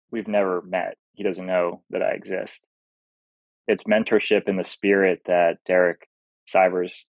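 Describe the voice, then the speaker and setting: A man's voice: sits low, dry recording, poor audio. A man speaking as a podcast guest, explaining things in a casual, thoughtful way and often restarting phrases.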